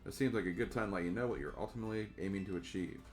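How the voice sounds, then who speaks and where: A man voicing a secretive commander who briefs an ally over the phone in a measured, businesslike way, reading game dialogue aloud. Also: sits low, darkish tone, soft background music, lightly acted. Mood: briefing.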